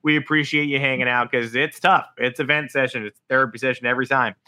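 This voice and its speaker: A man with a hoarse, worn-out voice hosting a casual sports podcast in an animated, sarcastic way. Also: mid-range voice, quick pace. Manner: animated, sarcastic, acts out imagined quotes.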